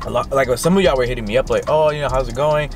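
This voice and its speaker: A young man chatting casually for his viewers while his mouth is full and he keeps chewing. His talk is laid-back and rambling, loose with slang and fillers, at a middling pitch. Music plays clearly behind him. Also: very fast. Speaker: YouTuber. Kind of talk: casual vlog chat during a mukbang. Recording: music playing in the background.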